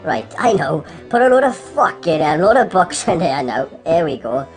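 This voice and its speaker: A man's voice: fairly high pitch, big pitch swings, moderate pace, soft background music. A man with a Welsh accent voicing a grumbling, sarcastic, foul-mouthed cartoon handyman in a comedy voice-over. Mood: chirpy, sweary. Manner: sweary, complaining, colloquial.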